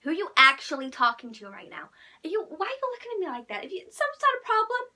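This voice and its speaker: Girl doing a mouthy american woman looking for a fight, high and snappy, fake american accent. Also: very animated, fast talker, sharp tone, full character voice. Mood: confrontational. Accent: American, put on. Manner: confrontational, snappy.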